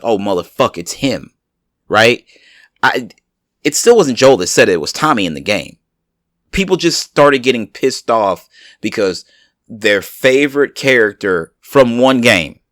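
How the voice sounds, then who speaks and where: A man with a fairly low voice hosts a casual gaming show. He talks animatedly, retells conversations and swears freely. The sound is dry and close. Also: fairly bright tone, dry recording. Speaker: podcast host.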